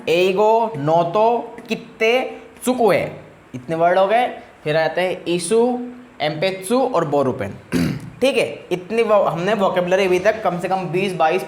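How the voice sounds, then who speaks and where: High-voiced man teaching in an echoey room. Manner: explains slowly, repeats each word. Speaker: Japanese language teacher. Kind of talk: classroom lecture.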